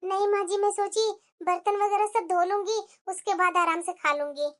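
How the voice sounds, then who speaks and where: Cartoon: a naive, eager young bride, meek and polite, extremely high-pitched. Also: female voice, steady tone, moderate pace, a bit bright. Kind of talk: cartoon voice acting.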